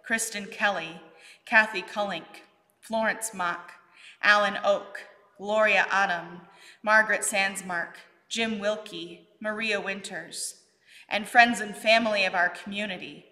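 Bright-voiced woman pastor praying. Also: medium pitch, steady tone. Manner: measured, solemn, with arms raised in prayer. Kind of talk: leading liturgy and intercessory prayer. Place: church sanctuary, indoors. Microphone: fixed camera at mid distance. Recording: reverberant church sanctuary.

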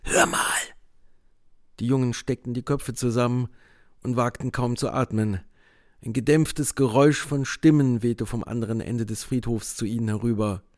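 A man's voice: medium pitch, fairly even intonation, darkish tone, no room sound. Man narrating a story, dry close voice. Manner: measured storytelling. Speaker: audiobook narrator. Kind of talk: scripted narration.

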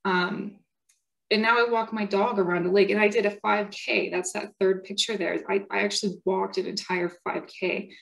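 A woman's voice: mid-range voice, fairly even intonation, gravelly, rough recording. Earnest young woman sharing her story. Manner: earnest, halting with frequent fillers and restarts. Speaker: patient speaker at a symposium. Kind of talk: personal testimony talk.

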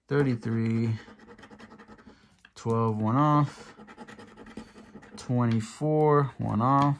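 A man with a mid-range, vocal-fry voice hosts a casual scratch-off ticket video at a tabletop indoors, offering running commentary and calling out numbers in short, clipped phrases. Steady scratching of lottery tickets and clicking sounds run underneath.

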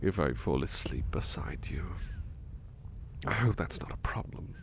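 In an intimate ASMR roleplay, a man plays a gentle, sleepy, devoted servant who both comforts and is comforted, speaking softly and hesitantly in drowsy murmurs and whispers. The mood is tender and soothed. His exaggerated voice is very deep, creaky, animated and a little slow, with noticeable background noise.

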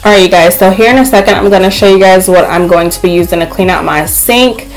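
A woman's voice: medium pitch, fast, poor audio. Chatty young woman over faint music. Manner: relaxed, chatty, with frequent "um" fillers. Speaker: cleaning vlogger. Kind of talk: casual voice-over narration. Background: faint background music.

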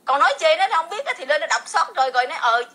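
A woman's voice: high voice, expressive, racing, pushed and bright. A woman in her forties with a Southern Vietnamese accent, ranting in a heated, rambling, repetitive vlog with bursts of laughter. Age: 40s. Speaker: vlogger. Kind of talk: heated casual rant.

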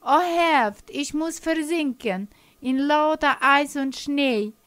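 A woman's voice: slow, fairly bright tone, no room sound. A woman voicing a little boy in a recited children's poem. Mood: panicked. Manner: recited verse, high. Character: little boy, bold then panicked, in a poem.

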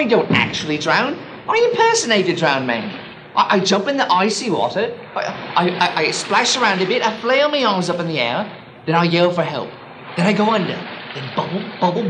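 A man playing a shabby waterfront showman who pushes his pitch with stammering salesman patter in a comedy sketch. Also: very animated, fairly quick, noisy background. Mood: persuasive. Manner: persistent salesman patter, stammering, keeps saying sir.

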